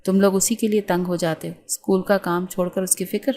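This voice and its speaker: A woman's voice: medium pitch, steady tone, dark tone, close to an everyday voice. A woman voicing a cold, harsh middle-aged stepmother who speaks in curt commands. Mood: stern.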